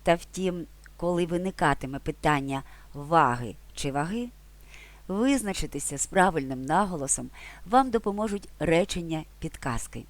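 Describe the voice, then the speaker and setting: This is a voice of middle pitch delivering a scripted language lesson. The speaker explains with care and slows down to lean on the key words and stresses. The tone is clear, measured and instructive throughout. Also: lively intonation. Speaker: language teacher.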